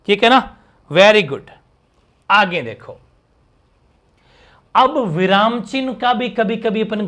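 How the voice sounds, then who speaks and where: A male teacher giving a live online grammar class, energetic and constantly checking in with his students. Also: high voice.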